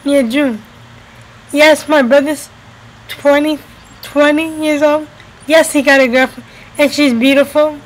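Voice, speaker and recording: Her voice sits high and steady, a little slow with frequent pauses, on a rough recording. She's a US woman in her 20s from New Jersey and Florida, vlogging casually to a webcam at arm's length from home by a window and repeating phrases for emphasis.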